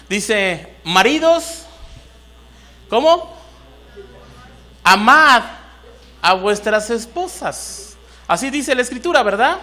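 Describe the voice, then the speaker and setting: His voice very high-pitched and fairly bright, a Mexican Spanish-accented pastor preaches a sermon to his congregation in a church hall, breaking into emphatic bursts and asking the room questions.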